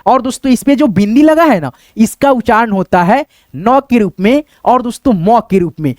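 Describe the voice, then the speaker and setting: A man teaching a beginners' online lesson, addressing viewers as friends again and again and slowing down to spell sounds out. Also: very high voice, animated, a little mellow, no echo. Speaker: English teacher. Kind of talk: online lesson explaining letters.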